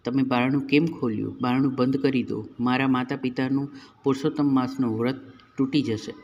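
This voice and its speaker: A man voicing a divine young man who speaks calmly and gently. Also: mid-range voice, brisk, lo-fi sound, lightly acted. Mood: gentle.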